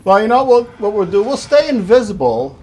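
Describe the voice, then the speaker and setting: Lively high-voiced man co-hosting. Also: a little fast. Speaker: co-host. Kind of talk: casual joking chat. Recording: clear room noise behind.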